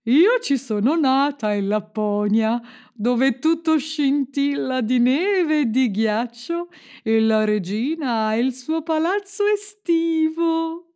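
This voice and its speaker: Woman voicing an old reindeer, storybook, slow, wondering, airy. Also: sits high, animated, darkish tone, clean tone, voice pushed up. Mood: wistful. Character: old female reindeer, proud of home.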